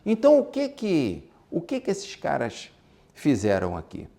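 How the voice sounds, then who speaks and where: With a warm, creaky, slightly high voice whose pitch swoops wildly, a Brazilian-accented man gives a measured-paced, informal business lesson on exporting. As a business instructor, he is emphatic, repeats his points, and poses rhetorical questions.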